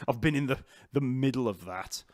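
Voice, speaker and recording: A man with a Yorkshire accent hosting a casual live-stream Q&A, chatty and rambling and quick to laugh. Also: mid-range voice, a little mellow, no room sound, clean studio sound. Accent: Yorkshire English. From Yorkshire, England. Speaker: bass teacher and channel host. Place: home, near an island festival site.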